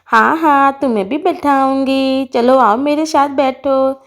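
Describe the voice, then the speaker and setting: A woman's voice: high voice, a little slow. A woman voicing a little girl doll who urges her friend and calls for help, in a doll story. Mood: anxious.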